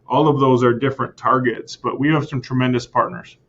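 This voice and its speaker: Earnest American superintendent, slightly muffled. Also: male voice, medium pitch, steady tone, a little fast, fairly bright tone, breathy edge. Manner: earnest, repeats words, tags lines with "right?". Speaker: school district superintendent. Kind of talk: podcast interview answers.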